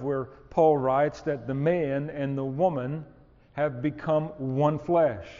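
A man preaching an expository sermon, slow and emphatic, rising on key words. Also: a little high, warm tone, big-room sound, highs cut off.

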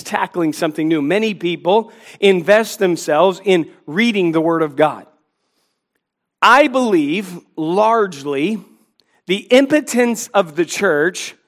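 A man in his forties preaches to his church in a notably high voice. He presses his points with earnest emphasis and lightens them with self-deprecating asides. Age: 40s. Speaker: pastor. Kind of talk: sermon.

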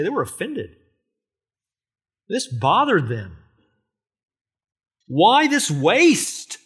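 A man delivers an expository sermon in a voice of ordinary middle pitch, a little husky. He reads scripture aloud and lifts his voice for emphasis as he explains it. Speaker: preacher.

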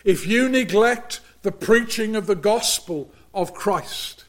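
A man preaching a sermon in an earnest, emphatic way, often dropping suddenly to a hush. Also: high-pitched, takes it slowly.

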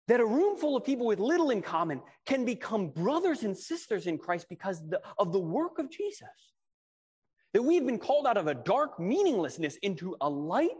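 A man's high-pitched, slightly rough voice with a darkish tone projects through a large, reverberant room as he preaches. His sermon is conversational, casual, and self-deprecating, peppered with rhetorical questions.

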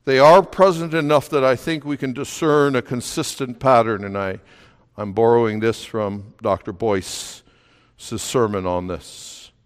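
A man preaching a sermon as pastor, steady in places and building to emphatic, raised delivery. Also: mid-range voice, measured pace. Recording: long reverb of a hall.

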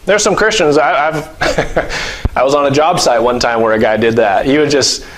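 A man's voice: medium pitch, normal speed, slight background noise, rough recording. A man preaching a sermon in a loose, conversational way, often acting out scenes and laughing. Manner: acts out scenes with lively voices and laughs; conversational, uses many fillers.

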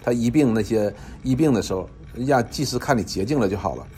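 A man's voice: medium pitch, fast talker, darkish tone, breathy edge. A man teaching a Bible study in a conversational, explanatory way, often repeating phrases and using filler particles.

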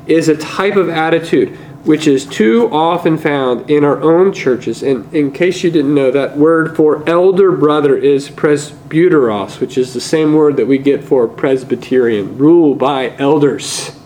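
A man delivers a sermon in a church, his voice a touch higher than most. He preaches earnestly, slows down to stress key words and pushes hard with rhetorical questions. Faint background noise sits under the voice. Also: darkish tone, low-quality recording. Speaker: pastor.

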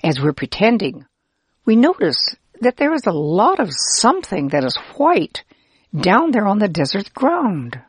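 A woman narrating a children's pretend Bible story, gentle and expressive, speaking as both herself and the listener. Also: medium pitch, measured pace, slightly rough, no echo, studio quality.

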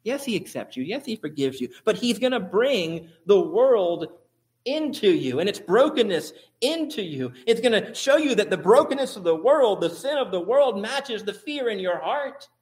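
A pastor preaches with a notably high-pitched voice. His delivery is emphatic and builds through repeated phrases. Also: very animated, normal speed, a little mellow. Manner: emphatic, repetitive rhetoric. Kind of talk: sermon.

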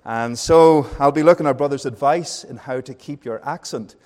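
A Northern Irish man in his thirties preaches a sermon at a mid pitch. He talks in an unhurried, friendly way and often pauses on small fillers. His voice rings out with the long reverb of a large church hall. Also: a little mellow. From Northern Ireland. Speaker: pastor.

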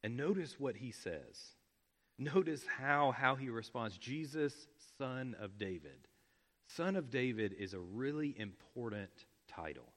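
A man preaching a sermon, explaining scripture with emphatic repetition, at times dropping to a hush. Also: mid-range voice, animated, a little slow. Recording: long reverb of a large hall.

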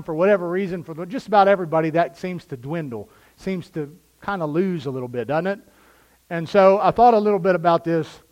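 A male pastor preaching a sermon, swinging from loud bursts to quiet asides. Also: high voice.

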